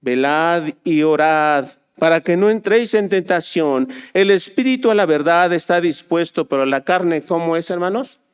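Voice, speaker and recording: A man preaching a sermon, swinging from soft low asides to loud, urgent exhortation. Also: moderate pace, hardly any pauses, clear, resonant tone.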